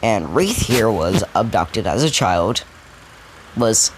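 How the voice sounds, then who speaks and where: A man's voice: on the low side, very animated, slow pace. A man casually telling an improvised fan story, rambling and often correcting himself. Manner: rambling, with many self-corrections and fillers. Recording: noisy home recording.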